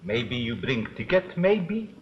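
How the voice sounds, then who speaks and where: Very old, slow-talking shopkeeper. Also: male voice, mid-range voice, sing-song. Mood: evasive, wary. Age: older. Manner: very old man, halting broken English. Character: very old, evasive, wary male herb shop keeper. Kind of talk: 1930s film acting. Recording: dull vintage film soundtrack.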